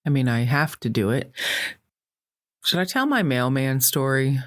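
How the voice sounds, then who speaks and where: A woman's voice: a bass voice, big pitch swings, a little slow, dry recording, studio quality. A middle-aged woman co-hosting a podcast, telling a candid, rambling personal story with many restarts. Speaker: podcast co-host. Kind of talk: casual chat.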